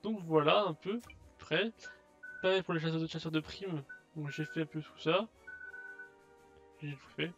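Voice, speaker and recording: Un homme qui commente sa partie de jeu vidéo de façon décontractée, en hésitant beaucoup. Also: male voice, on the high side, measured pace, pauses often, a bit bright. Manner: hesitant, many fillers and restarts. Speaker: gamer. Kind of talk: casual let's play commentary. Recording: dull lo-fi sound, faint game music.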